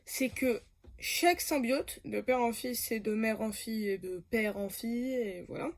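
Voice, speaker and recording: A woman's voice: on the high side, a little slow. A woman talking casually about comics for her channel, hesitant, with many fillers, self-corrections and frequent laughs. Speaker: comics YouTuber.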